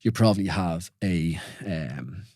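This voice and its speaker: Deep, slow and a little mellow, yet with lively intonation, this man is an Irish podcast host in his forties reflecting alone on air. He chats informally, asks questions, restarts often and keeps saying "you know?" Recorded dry, with studio quality.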